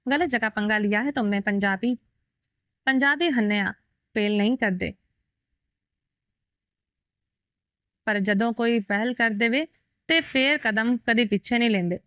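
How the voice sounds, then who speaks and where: A woman's voice: a little high, unhurried, a bit bright, no echo. A woman voicing a stern, possessive young husband who clips and chews his words, harsh with enemies and teasing at home. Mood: threatening. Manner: clipped, jaw-set, words chewed. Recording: dull lo-fi dry recording.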